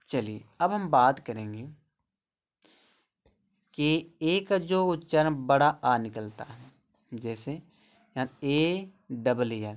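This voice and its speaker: A man teaching English pronunciation in a spoken lesson, explaining slowly and repeating each word and its meaning. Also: mid-range voice, a little mellow. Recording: dull lo-fi audio.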